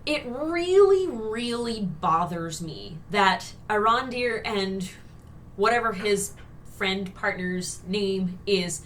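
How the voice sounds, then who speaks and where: Chatty snarky woman, kinda high bright voice, um like a lot, mic a bit far. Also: slight background noise. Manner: chatty, sarcastic, many fillers. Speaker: co-host reviewing a TV episode. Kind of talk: casual critical chat.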